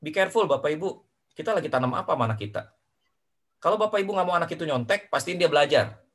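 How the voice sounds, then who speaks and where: A man coaches parents in a lively question-and-answer session, his voice swinging up and down as he drives a point home. He is emphatic and repeats key lines, slipping in English phrases, and his pitch sits a touch high for a man. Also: fast talker. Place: online parents group session.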